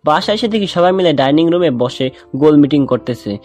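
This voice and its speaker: A man's voice: a little high, expressive, brisk, a little mellow. A man narrating a first-person romantic story in a chatty way, often speaking to his listeners. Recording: music bed underneath.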